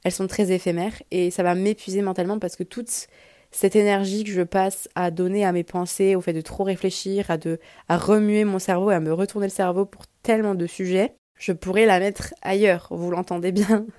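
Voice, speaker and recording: A woman's voice: medium pitch, fairly even intonation, brisk, warm tone, no echo, studio quality. A young woman hosting a solo podcast, talking in a reflective, rambling way with frequent restarts and fillers. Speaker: podcast host.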